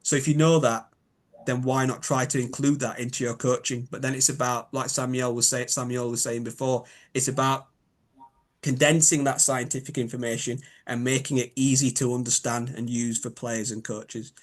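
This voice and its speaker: A man's voice: mid-range voice, flat delivery, moderate pace. Man with a Yorkshire accent explaining. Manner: thoughtful, rephrases often. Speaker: biomechanics expert guest. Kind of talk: explanatory interview talk.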